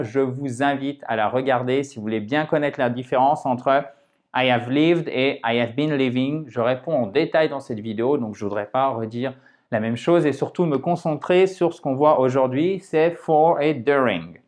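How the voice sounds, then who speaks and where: A man with French as his first language explaining English grammar in a video lesson, patiently and clearly, often checking in with his viewers. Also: mid-range voice, darkish tone. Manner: slows down to spell out English examples. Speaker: English teacher.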